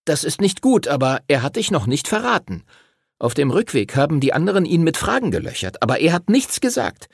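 A man's voice: a little high, big pitch swings, a little fast, creaky, breathy edge, no room sound, clean studio sound, pitched above the performer's own voice, exaggerated voice. A man voicing a clever bespectacled schoolboy who speaks in a precise, logical way. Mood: firm. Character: clever bespectacled boy, suddenly firm.

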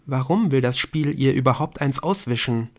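A man's voice: mid-range voice, normal speed, voice pushed up, natural voice. A man reading an audiobook, voicing a thoughtful teenage girl who talks in a level, matter-of-fact way. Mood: calm.

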